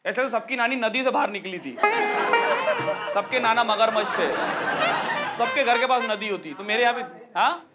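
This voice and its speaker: High-voiced stand-up comic. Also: male voice, normal speed, pauses often, over loud music, over a noisy crowd. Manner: animated storytelling, acts out characters. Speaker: stand-up comedian. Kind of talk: stand-up comedy set.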